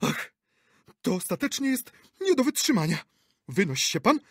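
In a clean studio recording with no room sound, a man voices an indignant young actress, shrieking in outrage. He pitches his voice high above his own, exaggerated and a bit bright, with big pitch swings at a moderate pace.

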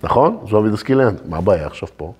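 A man teaching a religious lesson as a rabbi, animated and often putting questions straight to his listeners. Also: lowish voice, quick pace, slightly rough. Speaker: rabbi teaching a Torah class.

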